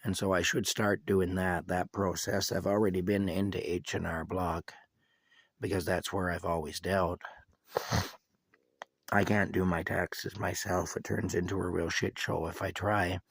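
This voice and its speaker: A sick man with a cough, giving a casual, rambling video update from inside his camper, halting and restarting often. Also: low-pitched, flat delivery, husky, no echo. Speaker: vlogger giving a personal update.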